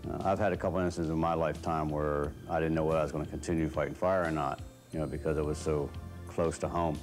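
Very deep-voiced older American man, music behind. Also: level tone, fast, darkish tone. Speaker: retired fire chief. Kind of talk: reflective documentary interview. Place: fire station beside a truck, music behind.

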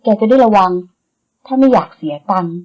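A woman voicing a bossy, blunt young woman who leads her friends, speaking briskly in an audiobook. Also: medium pitch, lively intonation, a little mellow, dull audio, natural voice. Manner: brisk and commanding. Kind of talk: audiobook character reading.

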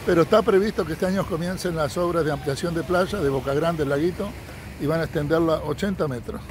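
A man speaks fast in a voice on the high side as he walks a sunny beach, recording a casual travel vlog. Acting as vlogger and tour guide, he talks upbeat to his viewers and points out places worth visiting, with outdoor beach noise audible.

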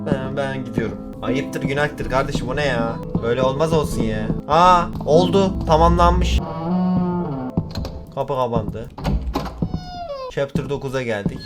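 A man's voice: mid-range voice, a little slow, pauses often, over loud music. A young man commenting on a horror game as he plays, joking and acting brave, with sudden startled outbursts. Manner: jokey, mock-brave, talks to himself, sudden startled outbursts. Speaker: gaming YouTuber.

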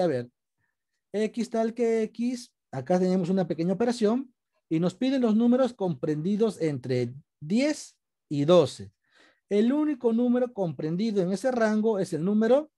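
Male teacher, patient and step-by-step, video call, very animated pitch. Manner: patient, explains step by step, asks students questions. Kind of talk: online class lesson.

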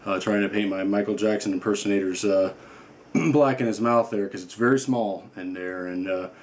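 Low-voiced male toy reviewer, loose and playful, rambles freely, roomy reverberant sound. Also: moderate pace, a little mellow. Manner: rambling and playful, many fillers. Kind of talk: casual unboxing chat.

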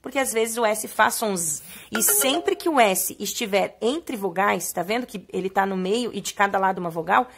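A young adult woman with a Brazilian Portuguese accent teaches young children, reading a poem line by line. She draws out the key words slowly in a sing-song way to get them to read along. Her voice sits at an ordinary middle pitch. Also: expressive, slightly rough.

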